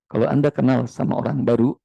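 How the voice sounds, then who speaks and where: A man's voice: mid-range voice, steady tone, fast talker, vocal fry, mellow, no echo, dull audio. A man preaching at a mosque, telling a story in a conversational way and acting out the people in it. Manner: conversational storyteller who acts out quoted people. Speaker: preacher (ustadz). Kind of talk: storytelling religious talk. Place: mosque lecture hall.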